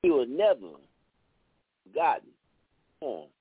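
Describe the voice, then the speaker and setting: A man's voice: mid-range voice, very animated, measured pace, breathy edge, no room sound. Middle-aged man calling in by phone. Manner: earnest, recites a poem then chats with restarts. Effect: heard over a phone line on a radio call-in show. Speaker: radio show caller and poet. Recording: tinny phone line, dry.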